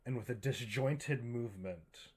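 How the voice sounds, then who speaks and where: A man narrating a tabletop horror game as game master, in a measured, suspenseful way. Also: medium pitch, darkish tone, husky.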